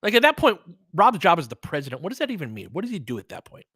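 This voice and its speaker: A man hosts a basketball livestream, giving informal, opinionated play-by-play that blends clipped action calls with casual chat to his listeners. His high-pitched voice races along with wildly swooping pitch, a sharp tone, and a breathy edge. The studio sound is clean, with no room sound.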